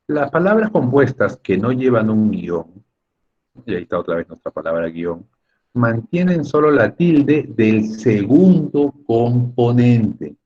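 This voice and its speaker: A man's voice: medium pitch, sing-song, measured pace, warm tone, dull audio. A man teaching a spelling lesson in an online class, chatty and joking with his students over a computer mic.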